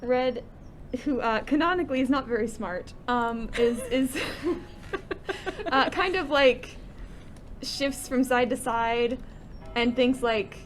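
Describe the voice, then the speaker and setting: A woman casually and haltingly narrating her character as a player in a tabletop game. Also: high voice.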